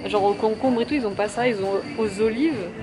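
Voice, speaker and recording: This young Frenchwoman, in her twenties, speaks a little high and fairly quickly in a casual travel vlog, joking and laughing as she moves through streets and a supermarket. Her low-held handheld camera catches crowd noise and a noisy street and shop background, indoors and out.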